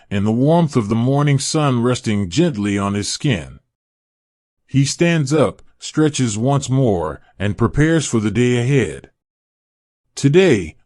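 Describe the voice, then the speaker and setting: Slow, soothing male bedtime narrator, dry sound. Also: medium pitch, a little mellow, no echo. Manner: soothing, unhurried, meditative. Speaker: narrator of a bedtime history story. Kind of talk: slow, scripted sleep-story narration.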